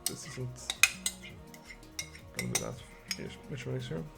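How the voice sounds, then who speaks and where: A man's voice: medium pitch, wildly swooping pitch, normal speed, gravelly, over loud music. A young man from Sweden with a Swedish accent, chatting casually with viewers and muttering to himself while he codes a game on a live stream.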